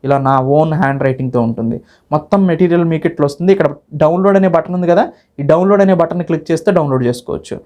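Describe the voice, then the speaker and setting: Fast, mellow Tenglish-speaking Telugu man. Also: a little high. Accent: Telugu, Andhra Pradesh or Telangana. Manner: mixes English words heavily into Telugu (Tenglish); repeats phrases while demonstrating step by step. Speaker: online academy instructor. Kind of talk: informal course walkthrough for exam students.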